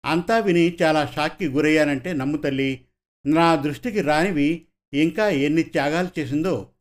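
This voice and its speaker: A man voicing a gentle, reflective aging father who talks fondly to his daughter. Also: on the high side, normal speed, natural voice. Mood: tender. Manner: warm, storytelling to his daughter.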